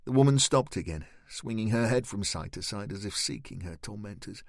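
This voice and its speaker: A man reading a fantasy novel aloud in a measured, steady storytelling manner. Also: on the low side, creaky, no echo, studio quality. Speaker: audiobook narrator. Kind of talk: scripted audiobook narration.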